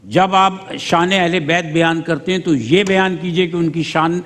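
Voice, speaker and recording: A man sits on a TV judging panel and speaks bluntly to young contestants. He picks apart their pronunciation in a somewhat high voice. A long reverb hangs in the studio around him. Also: fairly even intonation, a bit bright. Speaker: debate judge. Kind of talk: TV competition judging.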